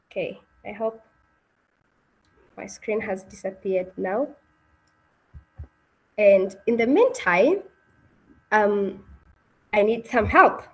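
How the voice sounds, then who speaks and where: A woman with a mid-range voice, captured in a rough recording, hosts an interactive online read-aloud session over a video call. She narrates the story as webinar host, encouraging her listeners and checking in with them often.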